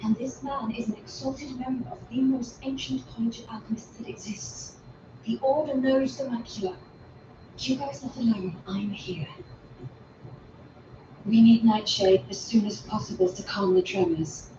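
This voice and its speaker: An actress voices a calm mother figure in a video game, measured and explanatory as she guides the others. Her voice sits a little high. It sounds distant and roomy, muffled, with clear ambience behind it. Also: background noise, close to an everyday voice. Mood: explaining.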